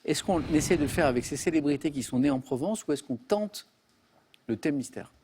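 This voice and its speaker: A man hosting a television quiz show from a studio, reading out questions briskly and chatting with contestants. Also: on the high side, expressive, a little mellow. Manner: brisk, reads questions crisply.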